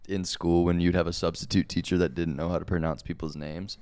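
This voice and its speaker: A laid-back young man co-hosting a podcast, with a low voice. He rambles through his points and laughs often. The sound is dry and close, with no room echo. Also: flat delivery, a little fast, a little mellow, smooth. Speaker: podcast co-host. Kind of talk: casual chat.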